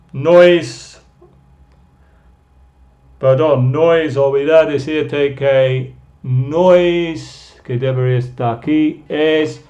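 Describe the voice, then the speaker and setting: Very slow-speaking male language teacher. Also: medium pitch, darkish tone. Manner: drills vowel sounds by repeating them many times; patient, explains simply step by step. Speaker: English teacher. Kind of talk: slow beginner language lesson.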